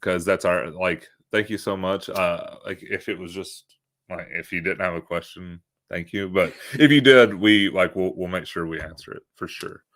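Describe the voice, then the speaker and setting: Low-voiced male co-host, shy and hesitant, chatty live Q&A. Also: a bit bright. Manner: shy, halting, many fillers. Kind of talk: casual live Q&A chat. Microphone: streaming mic.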